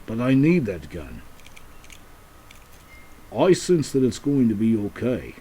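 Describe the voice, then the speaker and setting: A man voicing a wary, stubborn male pirate captain in a homemade puppet drama, speaking slowly and grudgingly. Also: medium pitch, wildly swooping pitch, warm tone, slightly rough, exaggerated voice. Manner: slow, grudging and suspicious.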